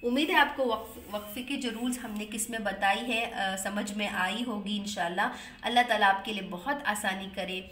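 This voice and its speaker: A woman teaching Quran recitation rules, patiently explaining and drawing out example words slowly. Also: medium pitch, fairly bright tone, reverberant, distant mic, a little hiss or hum. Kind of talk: explaining Tajweed rules to students.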